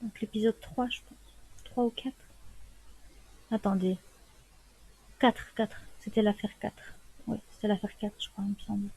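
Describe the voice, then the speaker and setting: A woman hosting a let's play, reading the game's text aloud evenly and adding soft casual asides. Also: mid-range voice, fairly even intonation, a little slow, creaky, long pauses, slightly rough, poor audio. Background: game music.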